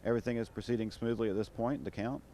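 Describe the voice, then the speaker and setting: An American man giving live launch commentary in a measured, official manner. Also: medium pitch, steady tone, warm tone. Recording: noisy broadcast with background ambience.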